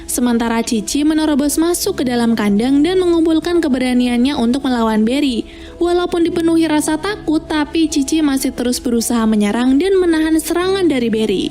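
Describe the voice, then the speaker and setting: A woman narrates a story from a script. Her tone is soft and mellow, and music plays behind her. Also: sits high, fairly quick. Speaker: narrator of film plot recaps.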